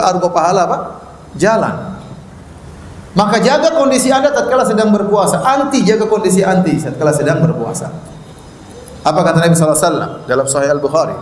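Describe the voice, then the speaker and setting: High-voiced preacher in an echoing hall. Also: male voice, a little hiss or hum. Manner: emphatic, rhetorical questions, light humor. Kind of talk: sermon. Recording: roomy hall reverb, faint ambience.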